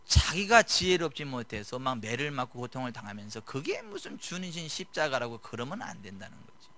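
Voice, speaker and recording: A middle-aged man preaching a sermon in a conversational style, swinging from loud to hushed. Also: mid-range voice, wildly swooping pitch, fairly quick. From South Korea. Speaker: pastor.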